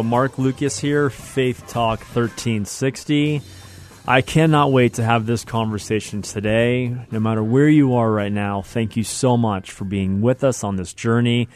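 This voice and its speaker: Here a mid-range, darkish male voice belongs to an American radio host who opens his talk show and interviews people conversationally. He is effusive and leans on repeated phrases for emphasis. The recording is dry and studio-clean.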